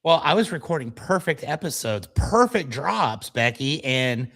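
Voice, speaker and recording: A man's voice: on the high side, sing-song, unhurried, fairly bright tone. A man co-hosting a casual radio show, telling stories in a self-deprecating, mock-dramatic way. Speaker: show co-host and voiceover performer.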